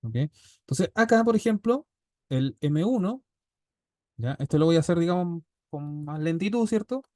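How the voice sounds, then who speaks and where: Patient Chilean teacher, higher voice. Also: male voice, lively intonation, moderate pace, dark tone, dry recording, studio quality. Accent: Chilean Spanish. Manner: patient, checks in constantly with "¿ya?". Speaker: statistics teacher. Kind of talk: classroom lecture. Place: classroom.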